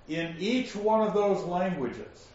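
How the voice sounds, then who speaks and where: A man teaching a Bible study, explaining verses slowly and asking his class questions. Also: high voice, darkish tone, a little hiss or hum. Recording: echoey room, distant lo-fi mic.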